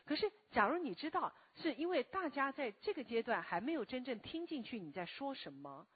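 A woman lecturing a class in a slow, deliberate way, often asking the listeners questions, her voice a bit hoarse from a recent cough. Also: high-pitched, sing-song, no room sound, narrow, tinny audio. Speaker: lecturer and meditation teacher. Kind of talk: spoken self-help lecture to a live class.

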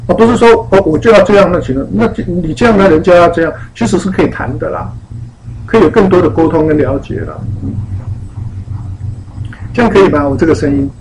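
A man's voice: fairly high pitch, fast, long pauses, noisy background. A man giving a casual lecture, telling anecdotes and acting out the voices of people in his stories. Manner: animated, acts out quoted voices in stories. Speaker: lecturer on spiritual teachings.

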